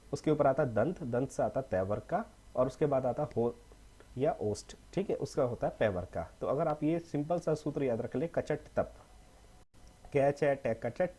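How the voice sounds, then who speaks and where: Husky and warm, this young man's mid-range voice carries a laid-back lesson. He repeats himself, checks in often with "okay" and "theek hai," and mixes English words into what he says.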